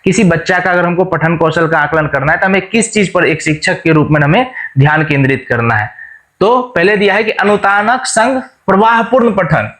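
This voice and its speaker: A man with a high-pitched voice gives an exam-prep lesson. He works through each question, explains it, and then repeats it in simpler words. He keeps checking back with his viewers as he goes. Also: normal speed, a bit bright. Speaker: teacher.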